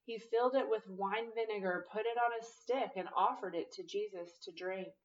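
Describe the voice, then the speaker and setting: A woman reading scripture aloud and adding her own explanations, in an earnest, measured way. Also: medium pitch, far from the mic, highs cut off. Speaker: Bible teacher.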